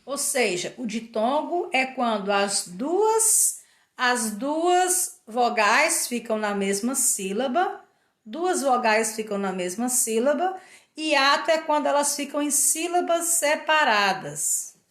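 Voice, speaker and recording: A woman's voice: high voice, very animated, slow pace, a bit bright. A woman with a Brazilian Portuguese accent, a teacher going over exercises for her class and spelling out letters and sounds one word at a time. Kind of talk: recorded class review. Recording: echoey room.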